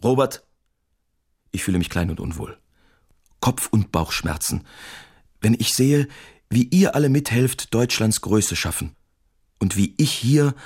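Bitter, ironic letter-writing artist, gravelly low voice, radio drama. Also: male voice, darkish tone, exaggerated voice. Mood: mock rapture. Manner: mock-patriotic irony turning bitter. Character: sardonic lonely male artist writing wartime letters.

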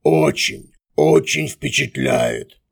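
A man's voice: a bass voice, huge pitch swings, slow, creaky, voice pushed down, heavily acted. A man voicing a mocking goat-legged creature speaking as a disembodied voice from the darkness, in an audiobook. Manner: mocking, taunting. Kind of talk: audiobook character voice.

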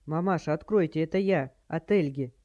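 An irritable, gruff crook in a storybook reading, barking his demands, as a narrator puts him on. His voice comes loud and pushy. The sound is dull and lo-fi. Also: mid-range voice, normal speed, close to an everyday voice. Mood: impatient. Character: gruff impatient male criminal.

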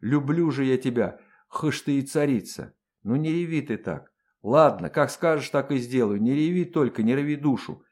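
A man's voice: mid-range voice, animated, normal speed, darkish tone, lightly acted. A man in his thirties voicing a brash, hot-tempered colonel who talks in a coarse, blunt, exclaiming way for an audiobook. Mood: pleading. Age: 30s. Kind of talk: audiobook character voice.

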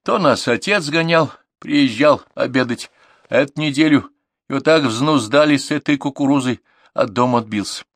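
A man voicing a brisk, practical middle-aged farm woman who complains about her chores. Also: medium pitch, fairly bright tone, dry recording, studio quality, pitched above the performer's own voice.

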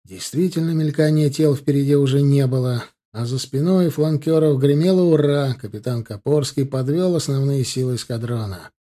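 Male audiobook narrator, mellow and husky, steady delivery. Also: medium pitch, normal speed, hardly any pauses. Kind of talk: scripted narration.

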